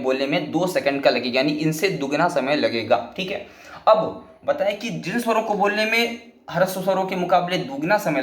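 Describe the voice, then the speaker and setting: Man patiently teaching, echoey room. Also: a little high. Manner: repetitive, patient explaining with many restatements. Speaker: Sanskrit teacher. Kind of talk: explanatory classroom lesson.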